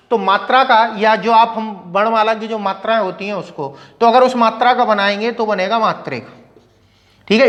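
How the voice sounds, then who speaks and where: A man's voice: sits high, a bit bright, in a large hall. A man teaching a grammar lesson, asking his class questions and answering them himself, with "okay" after nearly every line. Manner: asks questions and answers them himself, repeats "ठीक है" constantly. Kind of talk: classroom lecture.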